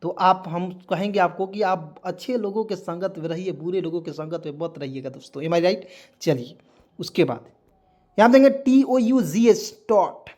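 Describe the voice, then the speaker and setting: A man's voice: high voice, moderate pace, darkish tone. A man teaching English vocabulary. He spells every word out letter by letter, says it over several times and keeps quizzing his viewers in a patient classroom manner. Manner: spells words letter by letter and repeats them often; keeps asking questions of the viewers.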